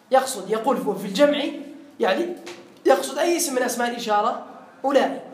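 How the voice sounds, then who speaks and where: A man teaching an Arabic grammar lesson in a classroom, explaining slowly, repeating points and quizzing his students. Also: very high-pitched, a little mellow, reverberant, slight background noise.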